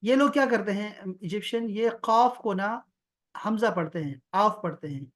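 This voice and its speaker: A man's voice: high voice, a bit bright. A man gives an online Arabic lesson over a video call. He explains patiently and drags out the words he wants the student to repeat. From Pakistan. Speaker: Arabic teacher. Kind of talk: online one-on-one language lesson.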